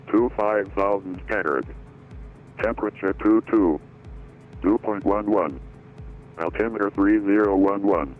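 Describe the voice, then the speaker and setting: A man reading a recorded airport weather broadcast, heard over an aircraft radio, in a steady, measured way through numbers and codes. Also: low-pitched. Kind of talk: steady scripted readout of weather and runway information. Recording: dull lo-fi radio audio.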